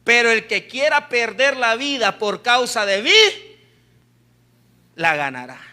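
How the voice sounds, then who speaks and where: A male pastor delivering an impassioned sermon, with a very high, bright voice. He bursts into shouts, then sinks to a quiet, earnest tone. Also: very animated, slow pace. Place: church.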